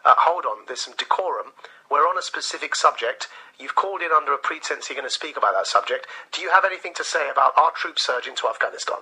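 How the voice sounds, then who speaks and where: A man's voice: fairly high pitch, expressive, fast, bright, forceful tone, husky, low-quality recording. Firm male radio host. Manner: firm, repeatedly interrupting to keep order. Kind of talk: radio phone-in. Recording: radio broadcast.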